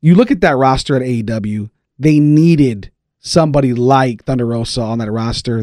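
A man's voice: medium pitch, darkish tone, no room sound, clean studio sound. A man co-hosting a podcast, talking casually as a sports commentator would among friends. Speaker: podcast co-host. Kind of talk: casual wrestling talk.

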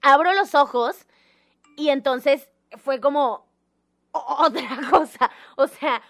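A young woman, telling a personal story in a casual, animated and dramatic way. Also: high-pitched, slow. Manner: animated, dramatic, acts out the voices in her story.

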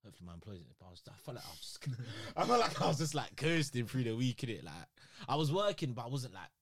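A young man talks in a London roadman accent at an average male pitch. His talk is casual and slang-heavy, like chat between close friends. He often repeats phrases as he goes. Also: sing-song, fast, no room sound. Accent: London, urban street slang.

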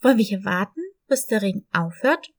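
A woman's voice: medium pitch, expressive, fairly quick, pitched below the performer's own voice. A woman voicing a kind, brave male puppy who talks in a reassuring, protective way.

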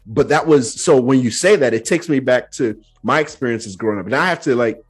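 A young man hosting a podcast, telling stories in a relaxed, chatty way full of "like" fillers. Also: mid-range voice, fairly quick, slightly rough, soft background music. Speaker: podcast host. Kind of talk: casual conversational storytelling.

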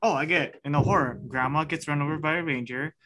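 A man in a casual group chat, riffing on ideas in a relaxed way. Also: fairly high pitch, quick pace.

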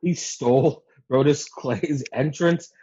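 A man with a mid-pitched voice on a slightly dull, lo-fi recording. He recaps events in loose podcast chat, acting out what others said and swearing freely. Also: takes it slowly, mellow, breathy edge. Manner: swears freely, acts out quotes. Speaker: podcast co-host. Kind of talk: casual animated recap chat.

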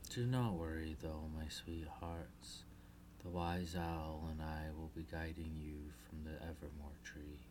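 Storybook fairy queen and mother, regal yet tender, low and breathy near-whisper, voiced by a woman. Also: measured pace, background noise. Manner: soft, comforting, near-whispered.

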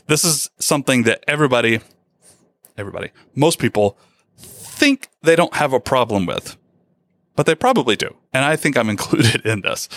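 Animated, self-deprecating male podcast host. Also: medium pitch, no echo. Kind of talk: casual podcast chat.

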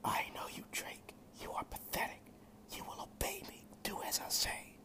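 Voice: normal speed, natural voice. A reader whispering as a demon king. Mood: menacing. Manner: eerie unvoiced whisper from a distance. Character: whispering ancient demon king, male, menacing. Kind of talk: whispered role-play.

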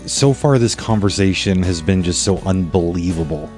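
A man's voice: sits low, moderate pace, a little mellow. A man hosting the show, giving an earnest, openly emotional reflection as a voice-over. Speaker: podcast host. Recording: voice-over with guitar music underneath.

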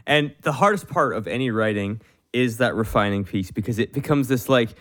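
A man's voice: mid-range voice, animated, fairly quick, fairly bright tone. A man hosting a faith podcast, chatting with his guest in an earnest, rambling way. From Canada. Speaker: podcast host. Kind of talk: casual interview chat.

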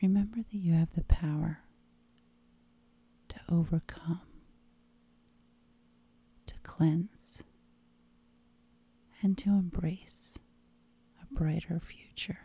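A woman guiding a hypnosis meditation in a calm, soothing tone, soft and breathy, often close to a whisper. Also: fairly low pitch, takes it slowly, pauses often, no echo. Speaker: hypnosis guide.

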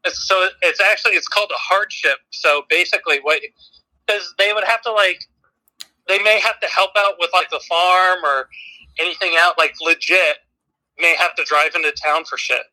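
Caller on speakerphone: man, high-pitched, laughing rambler. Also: fairly even intonation, moderate pace, pushed and bright, poor audio. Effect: heard over a phone on speakerphone. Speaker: caller, friend of the hosts. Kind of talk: casual chat.

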